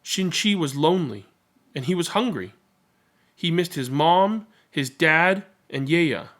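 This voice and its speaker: A storybook reader and channel host, he narrates children's tales with casual asides, using lively intonation at a measured pace. His voice is a little high with a fairly bright tone.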